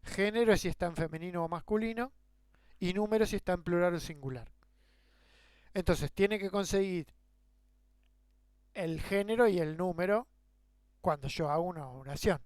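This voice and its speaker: A man's voice: high-pitched, normal speed, long pauses, a little mellow, no room sound. A man with a Rioplatense Spanish accent giving a grammar lesson, explaining with rhetorical questions and worked examples. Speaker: teacher. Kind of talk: grammar lecture.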